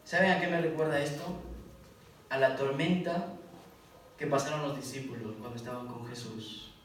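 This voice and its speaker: A man's voice: steady tone, moderate pace. Man preaching in an echoey hall. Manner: rises to loud emphatic bursts when reading scripture, drops low for asides. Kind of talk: sermon. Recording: echoey hall from far off, faint noise.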